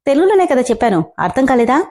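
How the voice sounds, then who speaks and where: A woman's voice: high voice, very animated, fast, a little mellow. Woman doing a stern young male boss. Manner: scolding, clipped commands.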